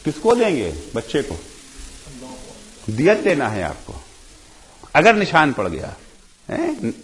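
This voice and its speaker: A man preaching a fervent majlis sermon, high and lively. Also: poor audio. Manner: emphatic, rising to shouts then dropping low, rhetorical questions. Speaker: Shia cleric giving a majlis.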